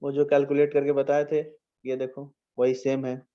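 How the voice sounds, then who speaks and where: A man's voice: mid-range voice, monotone, moderate pace, highs cut off. A man teaching an engineering class, asking questions and answering them himself. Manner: asks and answers his own questions, mixing in English terms. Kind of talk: engineering lecture.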